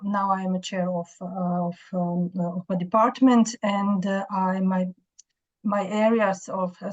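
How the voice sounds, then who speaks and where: A woman professor, introducing herself on a video call, halting and searching for words. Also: medium pitch, rough recording. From Croatia. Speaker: professor of information sciences.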